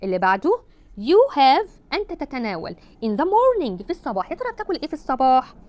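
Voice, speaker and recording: Lively Egyptian woman teaching English. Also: sits high, no echo. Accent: Egyptian Arabic. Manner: repeats English words slowly, drawn out, then translates. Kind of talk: Egyptian Arabic English lesson.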